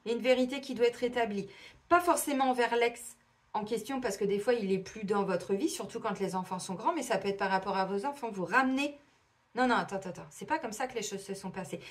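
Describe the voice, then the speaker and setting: A chatty middle-aged woman giving a spiritual card reading straight to her viewers. Her voice sits a little high. She talks casually and slips into playful mini-scenes with other voices. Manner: chatty, animated, acts out little imagined dialogues. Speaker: tarot and oracle card reader.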